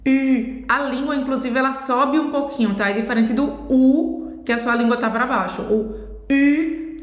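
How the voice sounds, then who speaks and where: A woman teaching a pronunciation lesson, explaining slowly and step by step. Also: high-pitched. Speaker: French teacher. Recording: echoey room.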